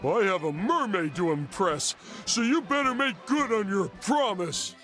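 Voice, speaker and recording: A man's voice: sits high, lively intonation, measured pace, bright, forceful tone, faint music behind, exaggerated voice. A man voicing a dim, childishly demanding cartoon starfish in a video game, whiny and literal-minded.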